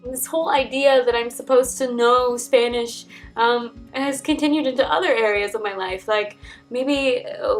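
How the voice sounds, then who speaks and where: Speaking casually to camera, a young adult American vlogger shares personal stories, voicing the people in them as she quotes their conversations. Her fairly high voice is animated, picked up by a distant mic, with soft acoustic folk instrumental music in the background.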